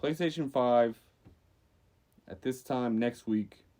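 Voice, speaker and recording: A young man from Louisiana co-hosting a podcast, telling stories in casual chat and jumping up in pitch for emphasis. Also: takes it slowly. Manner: animated storytelling, jumps up in pitch for emphasis. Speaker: podcast co-host.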